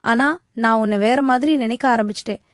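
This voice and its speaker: A woman's voice: on the high side, fairly even intonation, a little fast, no room sound, clean studio sound, natural voice. A woman voicing a teenage boy, a scheming younger brother, with a pleading, coaxing manner.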